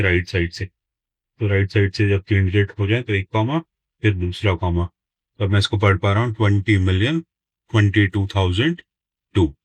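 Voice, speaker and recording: A maths teacher with a deep, low voice guides the class through a lesson one step at a time. As he writes, he slows right down and dictates every number word by word, in a slow, deliberate way. The recording is dry and close-miked, with no echo from the room.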